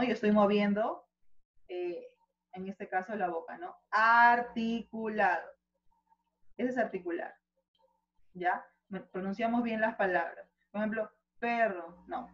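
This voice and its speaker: A woman with a Peruvian accent teaches an online school class at a patient, unhurried pace. Her voice is mid-pitched and she keeps checking in with her students. The recording is slightly muffled and lo-fi. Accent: Peruvian Spanish. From Peru. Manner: explains slowly with many rhetorical "¿no?" checks. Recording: slightly dull lo-fi audio.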